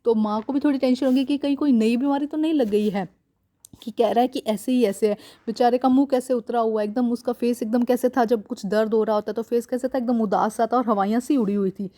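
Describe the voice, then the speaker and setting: A woman's voice: on the high side, steady tone, fairly quick, mellow. A woman teaching a class lesson on a Hindi one-act play, calling her students "beta" and restating each line in simple words.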